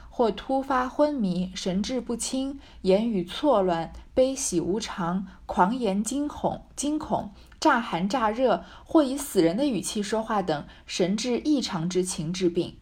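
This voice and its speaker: A woman's voice: a little high, darkish tone. Woman narrator, reads a classic novel aloud and comments as she goes, thinks aloud. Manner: musing, thinks aloud with fillers. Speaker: reader and commentator.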